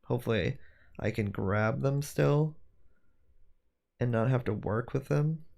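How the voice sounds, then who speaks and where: A man chats casually on a livestream as he works on a 3D design, thinking aloud. His voice is gravelly and sits at a middle pitch. He rambles, breaks off, and corrects himself as he goes. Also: measured pace, a little mellow. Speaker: streamer doing 3D design. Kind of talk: casual livestream chat while working.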